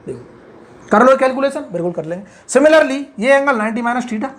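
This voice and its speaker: A man giving a whiteboard engineering lecture. He keeps checking whether everything is clear, repeats key terms and murmurs short asides of praise. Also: extremely high pitch, expressive, fairly quick, a bit bright. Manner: keeps asking if it is clear, praises himself with "very good". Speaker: engineering tutor.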